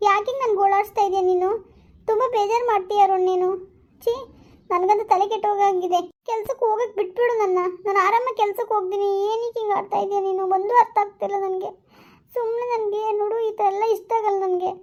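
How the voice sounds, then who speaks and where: This is a stubborn young wife in a village skit, pleading and complaining by turns, as a woman acts her. Her voice is very high and quick, in rural Karnataka Kannada. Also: fairly even intonation, a little mellow.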